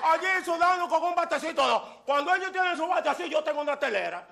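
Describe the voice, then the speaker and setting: A man's voice: very high-pitched, expressive, fast, creaky, sharp tone. A man doing a boisterous stand-up comedy monologue, full of exaggeration and punchy repeated lines. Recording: live show with audience laughter.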